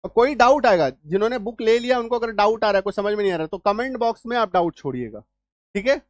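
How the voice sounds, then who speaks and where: A man's voice: high-pitched, lively intonation, fast, dry recording. A man teaching spelling in an online lesson, drilling each rule over and over and checking whether students follow. His voice is dry and close, with no room sound. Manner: drilling, repeats rules and checks in with "clear?". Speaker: English teacher.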